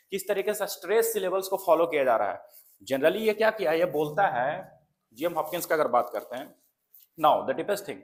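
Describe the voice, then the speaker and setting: A man teaching an exam-prep literature lesson, repeating key points and often asking if it is clear. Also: on the high side. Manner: repetitive, checks understanding often. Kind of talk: classroom lecture.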